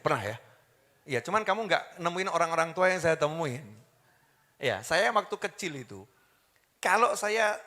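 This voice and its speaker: Man, sermon, lively pitch, bright tone, rhetorical questions, long hall reverb. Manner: animated, acts out everyday voices, rhetorical questions to the crowd. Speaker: preacher.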